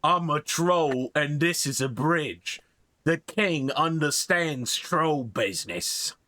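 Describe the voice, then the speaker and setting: A man plays a dopey, stubborn bridge troll from a fantasy tabletop game. The voice is pushed up high into a slow, bright cartoon bellow, recorded close and dry. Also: lively intonation, dry recording, exaggerated voice. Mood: gruff, defiant. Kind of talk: fantasy tabletop role-play.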